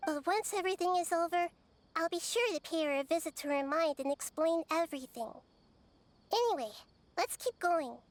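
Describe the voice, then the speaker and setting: A woman voicing a small, chatty, excitable female fairy companion in a video game. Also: extremely high pitch, moderate pace. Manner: bubbly, excitable, speaks of herself by name.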